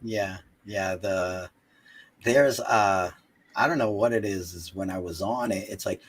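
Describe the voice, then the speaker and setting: A man talking as a guest in a casual interview, halting and searching for his words. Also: low-pitched, breathy edge.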